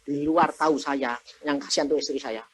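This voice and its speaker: A man, preaching a testimony and acting out the voices in his story, sometimes shouting. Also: fairly high pitch, fairly even intonation, moderate pace, slight background noise. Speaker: pastor. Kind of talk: testimony sermon.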